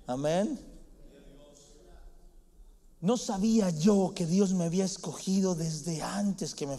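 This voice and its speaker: A man's voice: a little high, dark tone. A young man preaching a sermon as guest preacher, emphatic, with frequent "amén" interjections and big swings in volume, acting out the voices of people in his story. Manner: acts out voices when quoting family members in his story.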